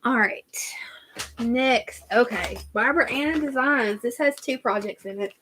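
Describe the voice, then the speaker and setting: A chatty woman with a country Southern drawl, rambling casually through a live stream. Her voice is bright and a touch high, and she talks in loose, easygoing runs. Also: a little slow, slight background noise. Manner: chatty, rambling, reads out viewer comments. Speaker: cross-stitch channel host.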